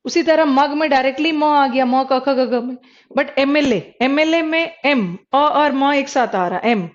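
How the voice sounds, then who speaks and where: Female lecturer, high voice, drills pronunciation by spelling sounds out, dull recording. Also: measured pace. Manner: explains pronunciation by sounding out letters, switches between Hindi and English. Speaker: English teacher for exam prep. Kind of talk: classroom lecture.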